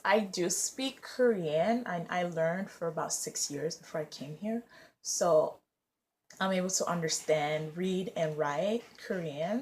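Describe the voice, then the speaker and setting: A young woman in her twenties, raised in the US, chatting casually and rambling with lots of fillers. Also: fairly low pitch. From Nigeria, raised in the US. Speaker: vlogger and English teacher. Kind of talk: casual vlog chat.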